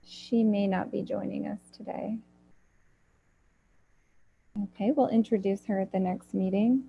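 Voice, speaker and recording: A woman running an online council meeting, introducing new members politely and briskly. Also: medium pitch, steady tone, vocal fry, dark tone, slightly rough, muffled recording. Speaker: meeting facilitator.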